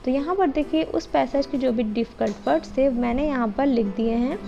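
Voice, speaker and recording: High-pitched Indian woman, gravelly. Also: dark tone. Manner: mixes Hindi explanation with slow read-out English phrases. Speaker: teacher-training tutor. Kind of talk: explaining a lesson plan. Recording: dull lo-fi audio with background music.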